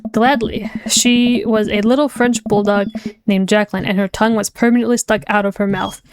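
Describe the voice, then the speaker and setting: A woman's voice: medium pitch, steady tone, normal speed, a little hiss or hum, lightly acted. A woman voicing a wisecracking teenage girl. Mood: teasing. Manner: wisecracking, breezy. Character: teenage girl, sarcastic, deflecting daughter. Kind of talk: reading a game aloud on stream.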